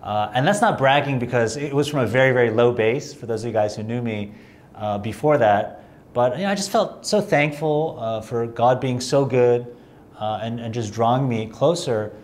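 A man preaching a sermon in a conversational way, mixing emphatic rising lines with self-deprecating humor. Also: moderate pace. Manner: animated, rising emphatic pitch.

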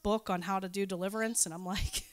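A fast-talking woman with a medium-pitched, steady voice preaches at a church gathering. Her sermon is informal, drawing on personal anecdotes, and she talks conversationally, teasing herself and giggling.

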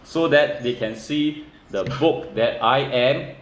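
A man's voice: mid-range voice, slow pace. A man reading a picture book aloud to children over a video call, acting out the animal sounds with lots of energy. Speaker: children's storyteller. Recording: echoey room.

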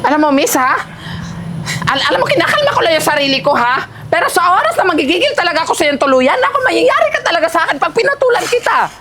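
Indignant high-voiced homeowner. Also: female voice, big pitch swings, quick pace, noisy background. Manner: dramatic, exasperated, defensive. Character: indignant homeowner accused of being a mistress. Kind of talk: short film acting.

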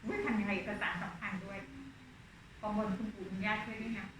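A woman teacher gives a classroom lesson on Thai literature, explaining classical verse in plain language and acting out the characters' thoughts. Her mid-range voice is fast and fairly even in intonation, and the recording sounds distant, muffled, echoey, and noisy.

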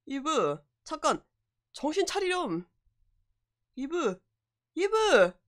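Woman voicing a gentle young man, game companion. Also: high-pitched, big pitch swings, takes it slowly, pitched above the performer's own voice, heavily acted. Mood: concerned. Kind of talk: reading game dialogue aloud in character. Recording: music behind the voice.

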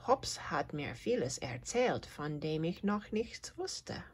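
A woman's voice: low voice, sing-song, slow, a little hiss or hum, exaggerated voice. A woman voicing a little boy mouse who is a fussy eater, in a small, childlike voice, in a storybook reading. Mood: thoughtful.

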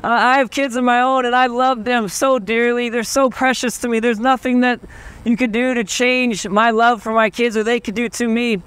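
High-voiced earnest young street preacher. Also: male voice, level tone, moderate pace, a bit bright, clean tone. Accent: Southern US. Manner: earnest, pleading, with restarts. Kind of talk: open-air street preaching. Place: outdoors on a town street.

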